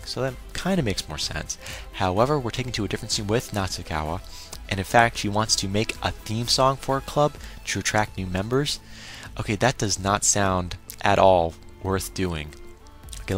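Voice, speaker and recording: A man giving a casual recap of an anime episode, opinionated and quick to exclaim his reactions. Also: on the low side, fairly bright tone. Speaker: anime reviewer.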